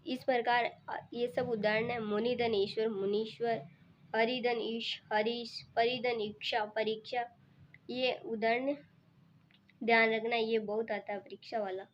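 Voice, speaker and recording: A woman's voice: little pitch movement, measured pace, slight background noise. A woman teaching a grammar lesson for exam preparation, explaining each step patiently and repeating herself. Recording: muffled low-fidelity recording.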